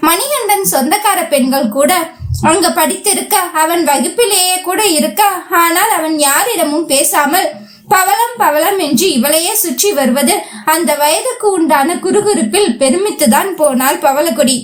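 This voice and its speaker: A woman narrating a novel as an audiobook, voicing the characters' dialogue in a lively way. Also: very high voice, a little slow. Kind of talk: storytelling narration with voiced dialogue. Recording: roomy echo.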